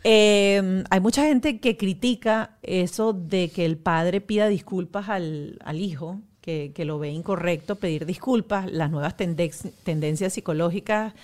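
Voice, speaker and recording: A woman's voice: on the low side, unhurried, few pauses, a little mellow. A woman hosting an interview at home, backing her guest with short replies and asking long, reflective questions. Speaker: podcast host. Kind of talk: warm interview chat. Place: home pantry.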